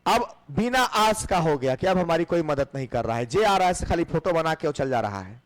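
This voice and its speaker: Male coaching teacher, high, animated delivery, quizzes his class and answers himself. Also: brisk. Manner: asks questions and answers them himself. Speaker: exam-prep teacher. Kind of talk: classroom lecture with memory tricks.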